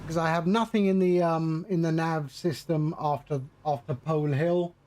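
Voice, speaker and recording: A man's voice: on the high side, steady tone, normal speed, a little mellow, slight background noise. A man giving casual, chatty live commentary as a flight sim streamer. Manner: chatty, greets viewers while narrating flying.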